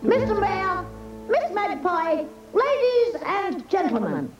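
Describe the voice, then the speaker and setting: A woman's voice: very high voice, very animated, slow, reverberant, recorded from a distance, faint music behind, heavily acted, poor audio. A woman voicing a cheeky young male koala who eagerly bosses his friends around. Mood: showy. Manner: eager, showy stage-director chatter. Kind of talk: animated cartoon voice acting.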